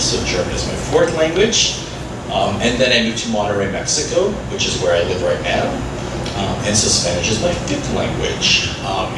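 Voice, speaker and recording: Born in the Philippines and moved to Canada when very young, this native Filipino speaker has a voice on the low side. He presents an interactive live education workshop to parents and educators, conversational, with self-deprecating asides and frequent check-in questions. The room is echoey, he's far from the mic, and the noise is clear.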